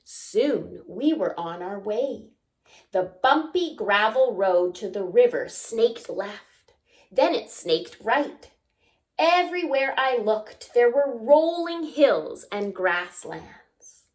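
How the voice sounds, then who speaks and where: This story time reader has a slightly high voice and takes her time with a picture book for young children. Expressive throughout, she voices the sounds and keeps asking her listeners questions, with asides along the way.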